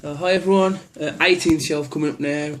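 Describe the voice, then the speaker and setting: A man's voice: on the high side, steady tone, a little fast, slight background noise. A man casually walking through his horror film collection, rambling with many ums and restarts. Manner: easygoing, plainspoken opinions.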